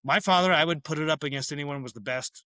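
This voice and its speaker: Male guest, former DJ turned brewer; bright, forward tone, loose self-correcting delivery, dry room. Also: on the high side, no room sound. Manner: rambling, self-correcting, quick laughs. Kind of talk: casual interview chat.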